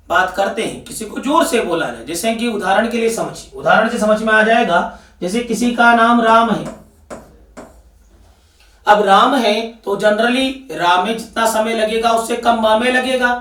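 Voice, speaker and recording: A very high-voiced man with a Rajasthani Hindi accent teaches a grammar lesson for exam students. He asks questions and answers them himself. His voice echoes in a room and is picked up from a distance. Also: fairly bright tone.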